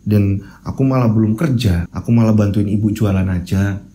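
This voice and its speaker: A man's voice: lowish voice, normal speed, mellow, slight background noise, pitched below the performer's own voice, natural voice. A man doing a modest young woman friend. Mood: resigned.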